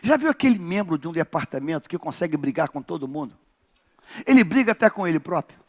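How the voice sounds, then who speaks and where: A male pastor from Brazil with a Rio de Janeiro accent, preaching a sermon in a large church, telling a story dramatically and swinging between shouts and near-whispers. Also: fairly high pitch, very animated, fast. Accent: Rio de Janeiro Portuguese.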